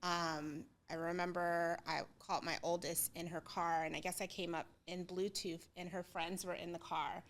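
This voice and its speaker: A middle-aged woman co-hosting a casual talk show, relaxed and quick to laugh. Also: fairly low pitch. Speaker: podcast co-host. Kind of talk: casual chat.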